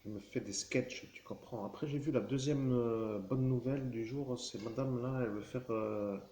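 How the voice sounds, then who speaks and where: A man's voice: medium pitch, steady tone, moderate pace, mellow. A man giving a rambling monologue straight to the viewer, constantly checking in with the listener and wandering off track with fillers and self-corrections. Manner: rambling, keeps addressing the listener with "tu vois". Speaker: vlogger. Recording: roomy echo with faint background noise.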